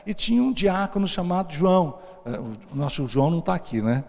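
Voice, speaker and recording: Brazilian pastor guy preaching, kinda high voice, chatty, lots of hall echo. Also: big pitch swings, fairly quick, vocal fry, a little mellow. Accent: Brazilian Portuguese. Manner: conversational, asks the audience questions often. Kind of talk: storytelling sermon. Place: church service.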